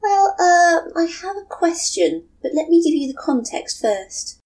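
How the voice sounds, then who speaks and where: A woman's voice: very high voice, animated, measured pace, voice pushed up, exaggerated voice. A woman voicing a bubbly, apologetic young woman talking on the phone. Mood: cheerful. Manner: bright, eager, self-deprecating.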